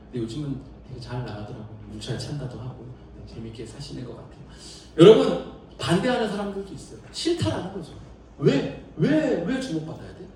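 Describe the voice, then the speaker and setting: A middle-aged man preaching a sermon as pastor, telling stories with lively laughter and acted-out quotes. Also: fairly high pitch, slight background noise. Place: church sanctuary. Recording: echoey room from far off.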